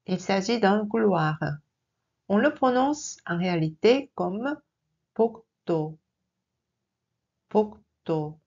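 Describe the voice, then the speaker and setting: Woman teacher reading out vocab words super slow, repeats each one, kinda dull audio. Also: mid-range voice, animated, darkish tone. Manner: repeats each word slowly and clearly. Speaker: Korean language teacher. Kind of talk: slow, deliberate vocabulary dictation lesson. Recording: slightly dull lo-fi sound.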